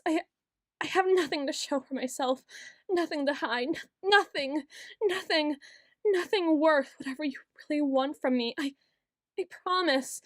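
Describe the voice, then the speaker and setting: Yandere student girl, high-pitched, paranoid, frantic, stammering, accusing, insistent repetition, ASMR role-play, dry recording. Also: no room sound. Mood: fearful, pleading. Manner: stammering, pleading, repeats words insistently. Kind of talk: ASMR role-play monologue, acted straight to the listener.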